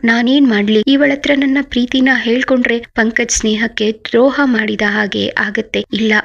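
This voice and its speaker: Woman voicing an anguished young man, gravelly. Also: fairly high pitch, fairly even intonation, normal speed. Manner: pleading, earnest. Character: young man torn between love and loyalty. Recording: dull lo-fi recording.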